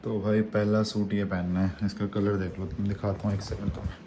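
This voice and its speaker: A man's voice: on the low side, flat delivery, fairly quick, reverberant, distant mic, noisy background. A young man chatting casually to his phone camera in a vlog, teasing and playful. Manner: playful, teasing, bursts of mock anger. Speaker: travel vlogger. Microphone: phone held in hand.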